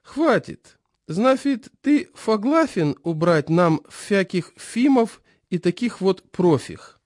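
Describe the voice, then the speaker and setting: A decrepit old chairman, thin and high-pitched, mumbling every hissing sound into a lisp. He drags his words out slowly, his pitch wobbling up and down. The voice sits close and dry, with no room around it. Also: lively intonation, a little mellow, no room sound. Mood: approving. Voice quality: lisping, mumbling. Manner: slow, drawling. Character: decrepit, lisping, senile old male chairman.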